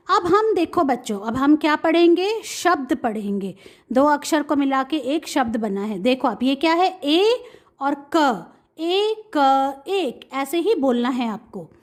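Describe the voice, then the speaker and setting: Slow, high-voiced woman teaching small children. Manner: slow, drawn-out syllables, call-and-repeat drilling. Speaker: kindergarten Hindi teacher. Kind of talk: online lesson for young children.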